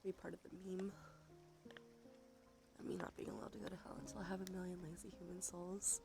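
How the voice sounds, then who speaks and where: Close to the microphone, a woman streams chatty ASMR in a soft voice, often slipping into whispers marked by breathiness and creaky fry. Though her style is unhurried, she talks fairly quickly, with a lowish pitch that barely moves, over background music.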